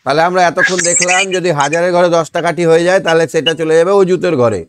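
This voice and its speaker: A man's voice: a little high, quick pace, noisy background. Patient male math teacher. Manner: patient, asks and answers his own questions. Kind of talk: online math lesson. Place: online class on a video call.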